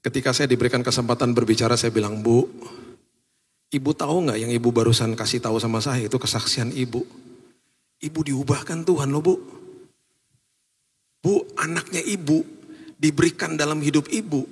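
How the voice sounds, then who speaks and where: Male pastor, husky gravelly voice, storytelling sermon, church hall reverb. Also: mid-range voice, steady tone, a little fast, long pauses. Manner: storytelling, acts out quoted voices, mixes in English phrases.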